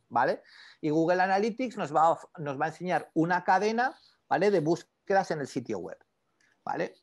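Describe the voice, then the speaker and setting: A man teaching an online class on e-commerce, conversational and animated, constantly checking in with his students. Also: fairly high pitch. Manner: conversational, peppers speech with "¿vale?"; animated, lively explanations with asides to students. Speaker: e-commerce instructor.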